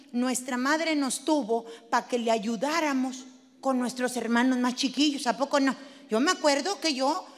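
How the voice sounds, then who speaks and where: A middle-aged woman with a Mexican accent performing a stand-up comedy routine, telling crude, brash stories. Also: sits high. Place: stage before a live audience. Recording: live venue with long reverb, faint noise.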